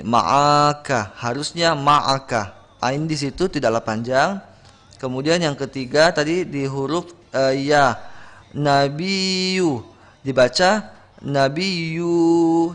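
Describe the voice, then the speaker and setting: A man giving patient, corrective feedback on Quran recitation on a radio program, slowly sounding out each word. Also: mid-range voice, fairly bright tone.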